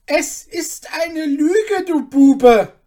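A woman's voice: on the high side, fairly even intonation, slow pace, mellow, voice pushed up. A woman voicing a wrathful, pompous duke in a storybook reading, bellowing and threatening. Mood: furious. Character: wrathful, pompous old duke, ruler of a court.

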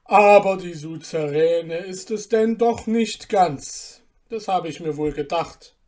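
A woman's voice: fairly low pitch, level tone, slow, a little mellow. A woman voicing a sneering, mysterious foreign guest in a storybook reading, smug and mocking.

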